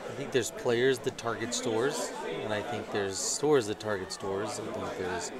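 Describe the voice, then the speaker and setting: A man's voice: fairly low pitch, measured pace, a loud crowd. A man co-commentating a card game match in a casual way, making dry, wry remarks. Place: busy card tournament venue.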